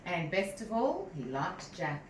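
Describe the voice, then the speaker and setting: Reading a picture book to young children, a woman in a lowish voice goes slowly with a strong expressive swing, measured yet animated, and makes asides to her listeners the way a teacher would. A distant mic captures her, giving a roomy echo along with some noise.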